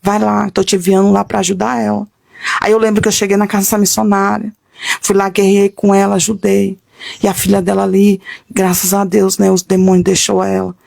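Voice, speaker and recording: A woman's voice: mid-range voice, monotone, fairly quick, gravelly, a little mellow, dry recording. A middle-aged woman, telling an earnest, vivid spiritual testimony with many repetitions. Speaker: guest giving testimony. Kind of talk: emotional testimony in conversation.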